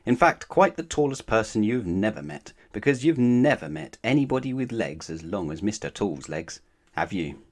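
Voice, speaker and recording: A male storyteller reads a picture book aloud to children, narrating expressively. His fairly low voice ranges widely and animatedly, at a moderate pace.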